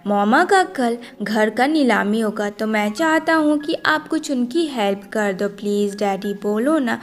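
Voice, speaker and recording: A woman's voice: fairly high pitch, lively intonation, measured pace, soft background music. A woman voicing an eager, pleading little boy in a retold movie story.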